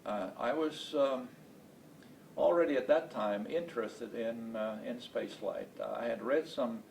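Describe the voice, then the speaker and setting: This space program veteran, a man in his late seventies born in Estonia who later lived in Baltimore, USA, speaks native Estonian and recounts his past in an oral history interview. Deliberate and hesitant, his voice sounds creaky yet a little mellow, captured from afar amid rumbling noise.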